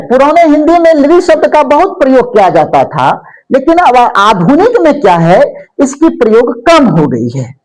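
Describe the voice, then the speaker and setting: Brief: woman teacher, high lively voice, unhurried step-by-step lesson delivery. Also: low-quality recording. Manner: slow, repeats each term, asks and answers own questions. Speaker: Hindi grammar teacher. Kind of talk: classroom lesson.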